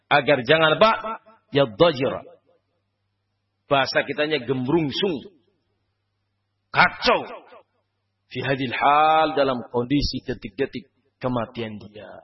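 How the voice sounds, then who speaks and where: A man preaching a study sermon, asking the audience rhetorical questions and swinging between loud and hushed delivery. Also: sits high, breathy edge, muffled recording.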